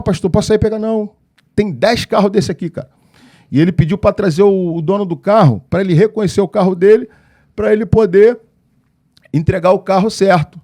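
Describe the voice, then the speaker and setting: A man with a Rio de Janeiro accent, a pastor and podcast guest, telling stories in an animated way and acting out the dialogue. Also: high-pitched. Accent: Rio de Janeiro Portuguese. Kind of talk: storytelling in a podcast interview.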